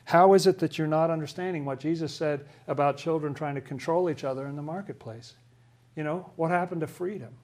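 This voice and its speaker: Male preacher, slightly high voice, conversational sermon with emphatic swells. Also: fairly quick, a little mellow.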